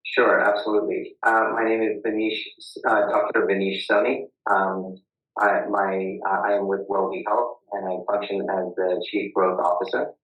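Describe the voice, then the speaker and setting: A man's voice: sits low, little pitch movement, moderate pace. A man testifying as a witness over a video call, hesitant with many uhs and ums, his voice muffled as if talking into a can. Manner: hesitant, restarts with uh and um. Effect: muffled tin-can sound, as if talking into a can. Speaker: witness at a public hearing. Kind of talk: formal testimony with many fillers. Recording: echoey, dull lo-fi video call audio.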